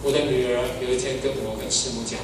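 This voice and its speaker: An older man preaching as a pastor, an animated storyteller who swings from loud exclamations to soft asides. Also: medium pitch, fast talker. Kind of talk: sermon with personal stories. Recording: echoey hall, far from the mic, noisy.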